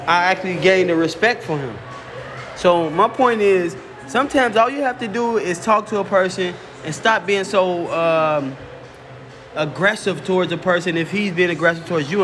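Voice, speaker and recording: High-voiced man. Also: normal speed, fairly bright tone, soft background music. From Chicago. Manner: profane, rambling storytelling. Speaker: show host. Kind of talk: casual monologue.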